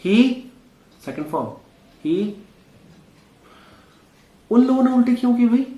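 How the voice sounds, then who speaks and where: A man's voice: very high-pitched, expressive, slow, mellow, roomy sound. A man teaching a spoken English lesson, patiently repeating drills and calling his viewers friends.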